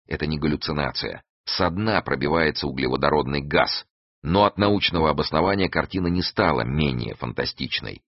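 A man reading an adventure novel aloud as narrator, with expressive storytelling. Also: rumbling low, a little fast, no room sound, lo-fi sound. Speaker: audiobook narrator. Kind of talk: scripted narration.

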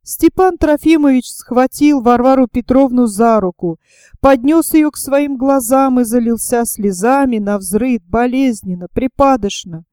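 A woman narrates a classic novel in an expressive, dramatic audiobook reading. Her voice is high but mellow and very smooth. The sound is close and dry. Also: a little slow, no room sound.

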